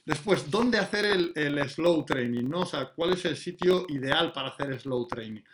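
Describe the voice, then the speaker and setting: A man's voice: a little high, lively intonation, moderate pace. A man teaching dog training in a casual, explanatory way, with many fillers and restarts. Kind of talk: casual spoken lesson. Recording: noticeable background noise.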